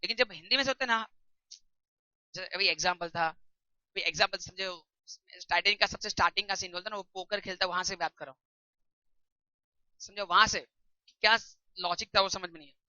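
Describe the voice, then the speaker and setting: Bright-voiced teacher lecturing a class. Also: male voice, high-pitched, fairly quick, long pauses, no room sound, dull audio. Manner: conversational, asks the class questions.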